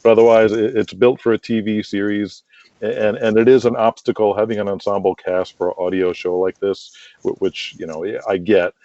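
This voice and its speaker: On dull, roomy, lo-fi call audio, a man who makes audio dramas chats as an agreeable podcast guest keen to plug his show. His voice is lowish and dark, level in tone, and a little quick.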